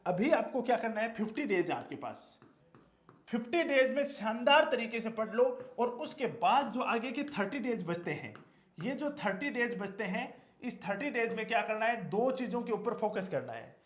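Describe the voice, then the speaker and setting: Male coaching teacher, high lively voice, emphatic and repetitive, echoey room. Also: moderate pace. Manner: emphatic, repeats key words, asks and answers own questions. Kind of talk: motivational exam lecture.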